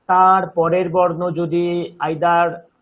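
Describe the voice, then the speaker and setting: Slow, deliberate Bengali-accented male teacher. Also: sits high, little pitch movement, narrow, tinny audio. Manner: slow, deliberate, chants verses syllable by syllable. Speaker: Sanskrit teacher. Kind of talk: online language lesson.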